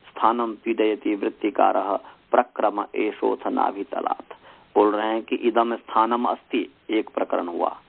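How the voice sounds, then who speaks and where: Man, Sanskrit teacher, patient lesson, very slow speech, repeats terms, narrow phone-like sound. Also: medium pitch. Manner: slow, explanatory, repeats and acts out faults. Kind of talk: recorded lesson on pronunciation. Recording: tinny phone-like recording.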